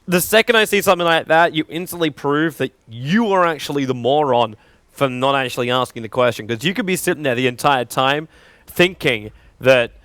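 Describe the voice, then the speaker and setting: A man's voice: mid-range voice, a little fast, a bit bright, no room sound. A young man casting esports, chatting and joking between games in a self-deprecating way, laughing often. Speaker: esports commentator. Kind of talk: casual on-air banter between games.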